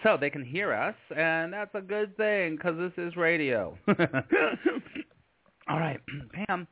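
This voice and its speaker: A man's voice: on the high side, expressive, slow pace. A man hosting a live radio show in a chatty, effusive way, often repeating phrases for emphasis. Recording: phone-like band, roomy echo.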